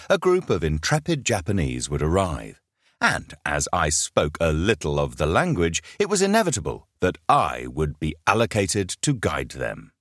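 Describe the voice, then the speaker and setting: A man's voice: deep voice, dry recording. A man who once worked as a safari guide, telling a story with wry, dry humour. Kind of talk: storytelling narration.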